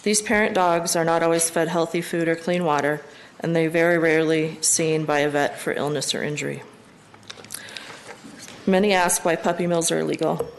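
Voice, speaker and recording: Low-voiced american woman reading a formal statement to council, faint hum behind. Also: steady tone, moderate pace, low-quality recording. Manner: composed, formal. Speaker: public commenter. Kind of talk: prepared statement at council meeting.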